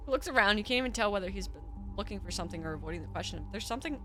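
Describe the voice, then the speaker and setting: A young woman streamer reading story-game narration in second person, bright and forceful in tone, breaking off into chatty asides to her viewers. Faint music plays under her voice. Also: mid-range voice, lively intonation, racing.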